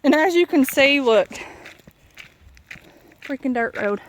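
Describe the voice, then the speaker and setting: A woman with a highish voice chats to her viewers in a candid, folksy ramble. She is walking outdoors along a rural road, and light noise sits behind her words. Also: expressive, takes it slowly. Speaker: vlogger. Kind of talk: casual chatting walking vlog. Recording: noisy outdoor country recording. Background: clear outdoor noise.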